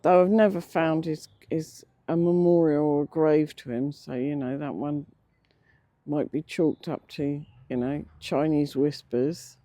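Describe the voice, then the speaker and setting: Sitting in a roadside cemetery, a middle-aged or older English man narrates a casual, unscripted vlog slowly and mellowly, with medium pitch, fairly even intonation, and no room sound. His speech is slightly slurred and toothless, tripping over words, and he pauses often in a hesitant, reflective way.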